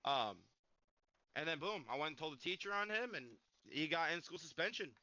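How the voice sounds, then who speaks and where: A young man with a bright, forceful voice that leaps around in pitch as he tells jokey stories on a casual podcast. He sounds close and dry, with a slightly muffled recording. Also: fairly quick, no echo. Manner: animated, jokey storyteller. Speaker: podcast co-host. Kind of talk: casual joking podcast chat.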